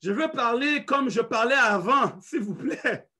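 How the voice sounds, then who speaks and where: High bright-voiced man urging his team. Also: expressive, unhurried, husky. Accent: faded Quebec French. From Quebec. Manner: mixes English phrases, urging and pleading; swearing, emphatic. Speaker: network marketing leader. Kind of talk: live motivational call.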